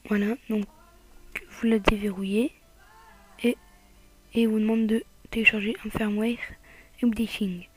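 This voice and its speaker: A woman with a French accent talks viewers through a tablet tutorial in a casual, hesitant way, often dropping to a half-whisper and filling pauses with "euh". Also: mid-range voice, level tone. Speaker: tutorial maker. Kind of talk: casual screen tutorial voice-over.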